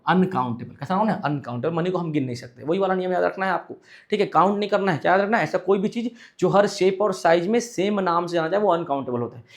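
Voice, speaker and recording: A man teaching English for exams in Hindi. He reads the English sentences slowly and asks questions that he answers himself. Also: high-pitched. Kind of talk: exam-prep lesson.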